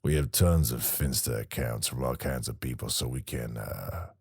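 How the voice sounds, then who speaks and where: A man doing a gravelly, sneering crook. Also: rumbling low, normal speed, darkish tone, no echo, clean studio sound, voice pushed down, full character voice. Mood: smug. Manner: swearing, sneering, threatening. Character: crude menacing male small-time criminal. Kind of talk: audiobook character voice.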